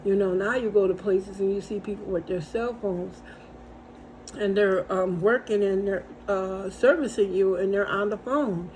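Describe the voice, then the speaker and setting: Poor audio with slight hiss or hum captures a middle-aged woman whose mid-range, darkish voice keeps a fairly even intonation at a moderate pace. She hosts and encourages in a casual faith-based talk, chatting with repetitions and story-like asides.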